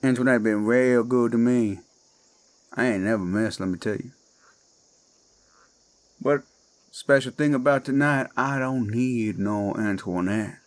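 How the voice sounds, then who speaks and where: This horror audio drama features a Cajun-accented man as a sinister werewolf posing as a friendly swamp guide. He talks in a slow, coaxing drawl at medium pitch, only lightly acted.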